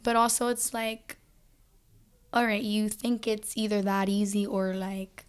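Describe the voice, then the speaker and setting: A woman's voice: medium pitch, monotone, a little slow, clear, resonant tone. A woman singer guesting on a podcast, talking casually with many "like" fillers and some swearing. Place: podcast studio.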